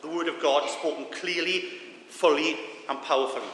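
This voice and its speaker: A man's voice: fairly high pitch, fairly quick, fairly bright tone. A man with a thick Swansea Welsh accent giving an informal, self-deprecating sermon as a lay preacher. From Swansea, Wales. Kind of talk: informal sermon with Bible reading. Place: large reverberant church room. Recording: echoey hall, reverberant, with background noise.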